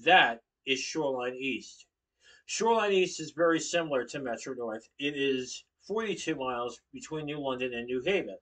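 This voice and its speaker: Standing and gesturing in the living room at home, this young Connecticut man delivers an informative speech for class, now and then correcting himself. He has a mid-range, expressive and slightly bright voice at a moderate pace, recorded from a distance by a webcam across the room.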